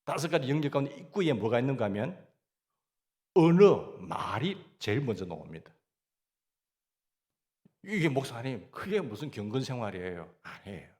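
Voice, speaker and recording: A man's voice: medium pitch, very animated, moderate pace, pauses often, a little mellow. A man with a Gyeongsang Korean accent preaching a sermon as pastor, asking the congregation questions and answering them himself.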